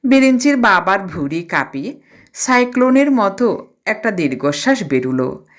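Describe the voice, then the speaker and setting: A woman narrating a classic short story, with expressive, lively storytelling. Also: medium pitch, normal speed. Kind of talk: scripted audio-story narration.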